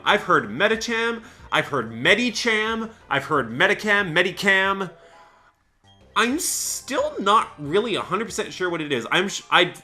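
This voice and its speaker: A man talks through his game run in a chatty, thinking-aloud way and breaks into laughter often. His voice is very bright and sharp, and his pitch swings widely. Faint game music plays underneath. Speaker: Let's Play host. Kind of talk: gameplay commentary.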